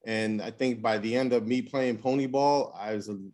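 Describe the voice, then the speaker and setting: A man's voice: mid-range voice, normal speed. A man with an ordinary mid-range voice talks casually. He tells stories with energy and acts out what people said to him. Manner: lively storyteller who acts out quotes. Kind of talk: casual conversation about baseball.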